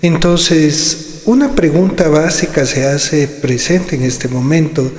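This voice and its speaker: Man, psychiatry lecturer, slightly high voice, unhurried deliberate delivery, roomy echoing space. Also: darkish tone. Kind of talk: lecture-style talk. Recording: echoey room with long reverb.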